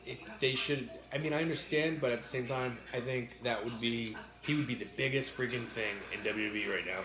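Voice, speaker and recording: Man chatting casually in an echoey room. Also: medium pitch. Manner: halting, repeats words, mild swearing. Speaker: mukbang co-host. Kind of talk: casual chat while eating, answering viewers. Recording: roomy, echoey indoor sound.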